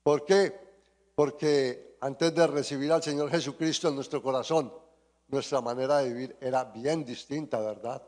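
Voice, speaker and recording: Fervent preacher in a reverberant church. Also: male voice, medium pitch, fairly even intonation, normal speed, a little mellow. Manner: fervent prayer and preaching, repeating "Señor". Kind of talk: sermon. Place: church sanctuary.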